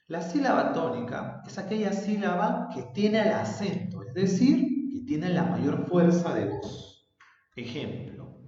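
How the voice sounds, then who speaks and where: Male teacher, lively pitch, patient explainer, echoey distant dull recording. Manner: patient, explanatory, drawn-out example words. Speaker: secondary school language teacher. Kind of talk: recorded remote lesson. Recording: dull, roomy, distant with long reverb.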